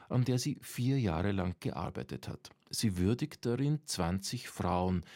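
A man presenting a radio feature in a calm, measured, scripted way. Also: low voice, no echo. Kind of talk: scripted broadcast narration.

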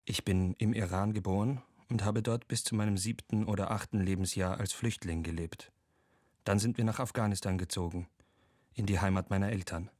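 A man reading a voice-over translation in a calm, even way. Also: lowish voice, fairly quick, no room sound, clean studio sound.

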